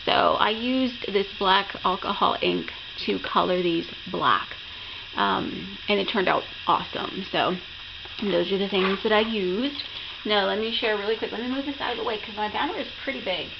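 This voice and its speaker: A woman's voice: mid-range voice, moderate pace. A woman with a sore throat from being sick, chatting enthusiastically as she shows off her craft projects in a casual vlog. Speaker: craft vlogger. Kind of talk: casual project show-and-tell. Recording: muffled lo-fi sound with clear background noise.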